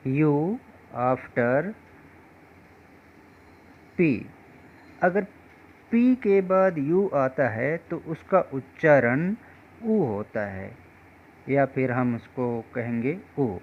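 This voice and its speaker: Slow, patient male teacher. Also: mid-range voice, highs cut off. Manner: slow, patient, addresses viewers as friends. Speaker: English teacher. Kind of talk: explaining pronunciation rules.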